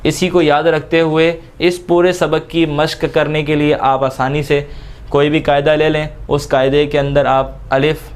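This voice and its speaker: A man leads a Quran reading lesson at a very slow, careful pace. His voice is smooth and clear, and he drawls each letter sound patiently between plain explanations. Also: a little high, level tone. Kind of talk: slow step-by-step recitation lesson.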